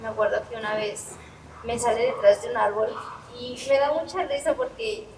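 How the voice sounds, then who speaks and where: A woman with a Mexican accent telling her recovery testimony as a podcast guest, animated and laughing at her memories. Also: fairly high pitch, normal speed. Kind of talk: personal testimony in a podcast interview. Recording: echoey room, mic at a distance, background noise.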